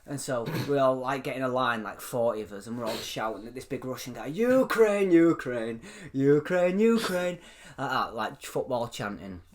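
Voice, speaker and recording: A man, co-hosting a casual chat and telling stories in an animated way, laughing often and swearing freely. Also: mid-range voice, brisk, few pauses. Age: 20s. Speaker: podcast co-host.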